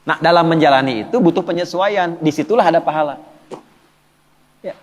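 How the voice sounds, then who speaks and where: A man giving a religious lecture, lively, asking the audience questions and answering them himself. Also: on the high side, brisk, big-room sound. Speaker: preacher.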